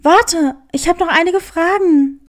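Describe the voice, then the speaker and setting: A woman's voice: on the high side, unhurried, dark tone, pitched below the performer's own voice, close to an everyday voice. Woman doing an eager young boy hare. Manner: eager, earnest.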